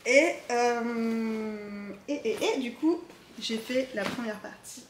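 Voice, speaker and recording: A woman's voice: on the high side, takes it slowly, reverberant, a little hiss or hum. A woman vlogging casually about her knitting projects, chatty and full of fillers and restarts. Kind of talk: casual chat to camera. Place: home craft workshop. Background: jackhammer from far off.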